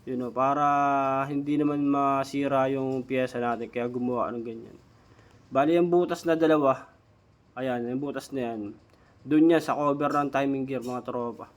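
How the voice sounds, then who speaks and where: A man's voice: medium pitch, fairly even intonation, moderate pace. A Filipino man giving a casual hands-on tool demo as a DIY mechanic vlogger, informally addressing viewers, his speech slightly slurred by missing front teeth.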